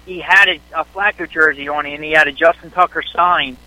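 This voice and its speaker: Excitable high-voiced man telling a sports story. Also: a little fast, poor audio. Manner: animated storyteller, rambling with restarts. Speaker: podcast co-host. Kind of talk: excited casual sports chat.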